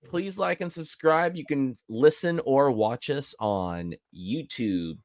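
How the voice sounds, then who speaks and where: A man co-hosting a casual podcast, talking in a relaxed, rambling way and laughing easily. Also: mid-range voice, slow, no room sound, studio quality. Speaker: podcast co-host, real estate agent.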